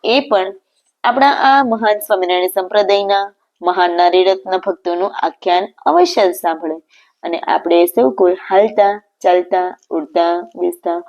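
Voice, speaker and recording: A woman telling a devotional story as scripted narration, in a measured, reverent recitation. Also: lowish voice, a little mellow, muffled recording.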